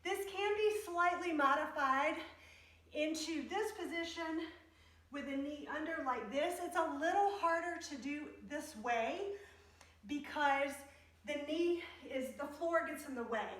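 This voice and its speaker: A woman fitness instructor leads an exercise class, giving step-by-step cues and counting reps in short phrases. Her voice is high-pitched and a bit bright, delivered at a measured pace. The mic is distant and the room very echoey.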